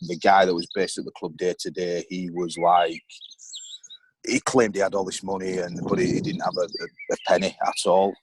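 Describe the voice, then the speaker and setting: A man's voice: low-pitched, slight background noise, low-quality recording. A middle-aged man, a former footballer and board member, candidly telling stories as a podcast guest, rambling with lots of ums and you knows.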